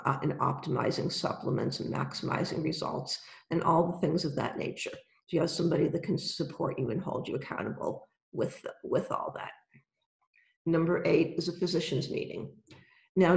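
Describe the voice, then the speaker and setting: A health coach giving an instructional wellness presentation, speaking deliberately and directly to the listener. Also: mid-range voice, vocal fry. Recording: roomy, echoey sound.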